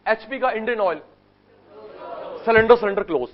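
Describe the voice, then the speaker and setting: A man with an Indian accent teaching economics in a classroom, drilling terms by repetition and pushing students to answer quickly. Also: sits high, lo-fi sound. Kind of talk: classroom lecture with call-and-response drills.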